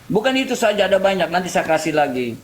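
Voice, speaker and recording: A man preaches loudly and emphatically in a heated online debate. His voice sits very high for a man. He pushes each point like a sermon. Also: big pitch swings, fast talker, slight background noise.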